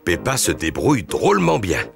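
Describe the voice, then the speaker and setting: A man's voice: deep voice, wildly swooping pitch, normal speed, vocal fry, loud music behind the voice, exaggerated voice. A man voicing a jovial, kindly, overconfident daddy pig in a preschool cartoon dub, with a hearty, reassuring manner.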